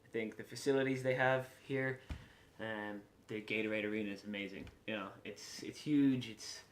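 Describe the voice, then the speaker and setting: A man in his late twenties with a west of Ireland accent, answering casually in an interview with frequent pauses. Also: fairly low pitch, fairly even intonation. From Galway, west of Ireland. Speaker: lacrosse player being interviewed. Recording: echoey room with faint background noise.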